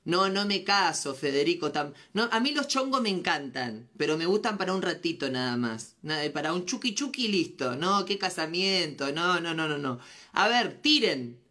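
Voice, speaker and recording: A woman's voice: lowish voice, very animated, normal speed, bright, forceful tone. An Argentine woman hosting a comedy live stream, chatting playfully and teasing as she answers viewer comments. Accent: Argentine Spanish. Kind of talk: casual live-stream chat.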